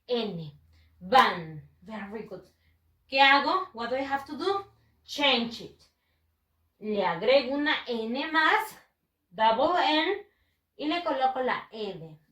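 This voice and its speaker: Woman, teacher for kids, bright and deliberate, roomy sound. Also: high voice, expressive, distant mic. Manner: patient, repeats words slowly and switches between English and Spanish. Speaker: English teacher. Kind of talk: recorded online class for children.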